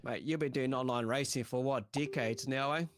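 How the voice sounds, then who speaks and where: A man's voice: mid-range voice, steady tone, normal speed. A man with a broad New Zealand accent hosting a motorsport show in a casual, matey, slangy way. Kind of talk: casual presenting and banter.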